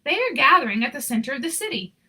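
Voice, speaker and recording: A woman voicing a commanding, kindly male train conductor from a storybook, announcing with drawn-out emphasis. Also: sits high, very animated, sharp tone, exaggerated voice. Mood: announcing, proud.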